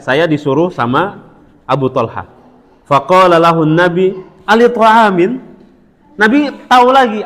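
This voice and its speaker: A man's voice: high-pitched, fairly bright tone. A man with a Javanese accent giving a religious study talk, telling a story with quotes and asking the audience questions. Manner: storytelling, switching between Indonesian and Javanese, quoting Arabic. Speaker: preacher. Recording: long hall reverb.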